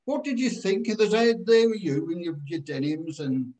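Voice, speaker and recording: Male interview host with a high voice, casual and self-deprecating questions. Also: expressive, measured pace, darkish tone, rough recording.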